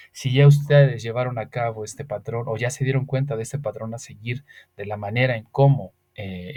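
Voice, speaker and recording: A man's voice: medium pitch, a little mellow. Patient Spanish-speaking man teaching English grammar. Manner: patient, explains step by step with rhetorical questions. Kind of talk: online English grammar lesson.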